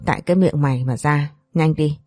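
A woman voicing a sharp-tongued young woman friend who grumbles in exasperation. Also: low voice, a little fast, dry recording, soft background music. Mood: exasperated.

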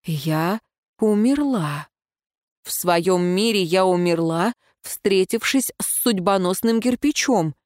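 A woman reading a first-person story aloud in an even, reflective narration. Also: fairly low pitch, slow, no echo, clean studio sound. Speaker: audiobook narrator.

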